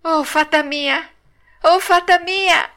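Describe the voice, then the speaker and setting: A woman reading an audiobook and voicing a stubborn, whiny wooden puppet boy in a shrill, pleading tone. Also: slow pace, bright, forceful tone, heavily acted. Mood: panicked. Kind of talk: audiobook read-aloud.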